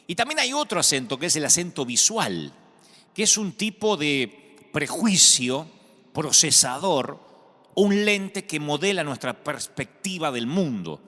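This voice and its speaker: Lively Argentine pastor preaching in a hall. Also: male voice, a little high. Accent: Argentine Spanish. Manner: conversational storytelling with humor. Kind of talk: sermon. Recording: echoey hall sound.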